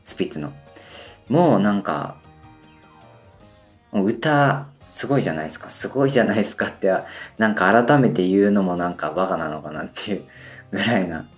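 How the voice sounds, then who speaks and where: A man in his twenties talks alone as if hosting his own radio show, rambling and hesitant, with constant fillers. His voice sits low, though he keeps straining to lift it higher than usual. Soft music plays faintly underneath. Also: lively intonation, brisk. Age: 20s. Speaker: band member hosting a solo radio talk. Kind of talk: casual solo radio monologue.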